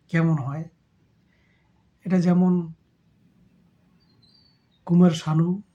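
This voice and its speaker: Man talking slowly in Rajbongshi accent. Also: on the high side, warm tone, muffled recording. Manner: slow, reflective, humble talk in a rural dialect. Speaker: amateur singer. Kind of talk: casual spoken introduction before singing.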